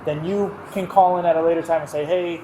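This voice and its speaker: A man on police duty talks someone down in an even, reassuring tone, his voice sitting a little high. The body-camera audio carries the echo of a hard lobby and a faint hum of background noise. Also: fast. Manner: calm, reassuring, repeats "right?". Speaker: police officer. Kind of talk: calm de-escalating talk.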